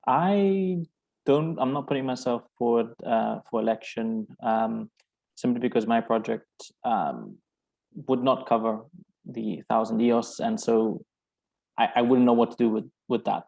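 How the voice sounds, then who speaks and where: A man casually moderating a video call meeting, relaxed and joking. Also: mid-range voice, a little slow, creaky, rough recording. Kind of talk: casual chat. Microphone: video call microphone.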